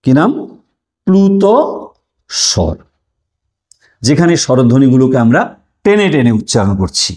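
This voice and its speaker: A man's voice: mid-range voice, sing-song, fast talker, darkish tone. Man, teacher, online grammar lesson, rising and falling voice, asks questions, draws out sounds.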